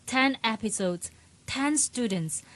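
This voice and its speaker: A woman's voice: fairly high pitch, animated, slow pace, a bit bright. A woman from Malaysia hosting a radio program, reading upbeat scripted links. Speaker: radio host.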